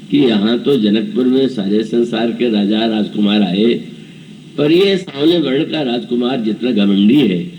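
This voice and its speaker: This elderly preacher, in his seventies, speaks with a medium-pitched, darkish tone, storytelling through a devotional scripture discourse while voicing characters' dialogue and chanting verses. The recording is rough, with the mic set at a distance.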